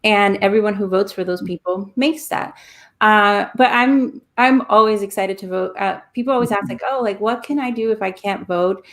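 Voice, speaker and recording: Woman host, casual chat, gravelly, upbeat, leans on fillers. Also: mid-range voice, normal speed. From El Salvador.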